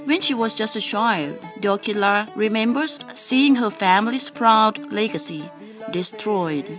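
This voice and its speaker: Lady reporter reading a news story, calm, soft music under it. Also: mid-range voice, a little slow. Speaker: radio reporter. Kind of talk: scripted news report narration.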